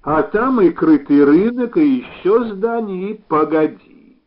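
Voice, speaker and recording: A male narrator puts on an older Soviet official of real weight, slow and folksy in his speech. He lays out each phrase deliberately, in a middling voice. The audiobook recording sounds a little dull. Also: mid-range voice, very animated, voice pushed up. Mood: eager.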